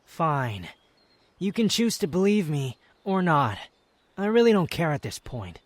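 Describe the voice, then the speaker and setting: A man's voice: fairly high pitch, very animated, a little slow, no room sound. A man playing a proud, prickly young wanderer who hides his affection, curt and scornful, in a scripted ASMR roleplay spoken to the listener. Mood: defensive, flustered. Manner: haughty, curt, scornful, defensive.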